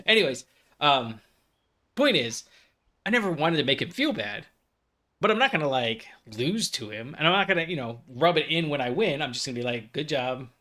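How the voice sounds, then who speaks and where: A man's voice: a little high, sharp tone. Male let's-play host, rambling storyteller, casual gameplay chat.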